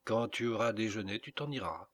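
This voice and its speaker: Un homme jouant une courtisane moqueuse. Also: male voice, lowish voice, lively intonation, brisk, no room sound, natural voice. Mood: mocking. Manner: mocking, disdainful. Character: haughty young Parisian courtesan, mocking woman.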